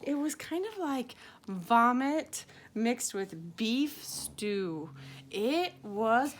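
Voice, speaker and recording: A woman's voice: on the high side, very animated, drawn-out words. A woman telling a playful improvised story to a child, laughing often as she goes.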